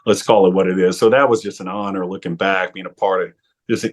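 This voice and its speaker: Man, 40s, former football player, podcast guest, animated storytelling, laughs often, restarts sentences. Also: low voice, fairly quick. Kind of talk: storytelling interview talk.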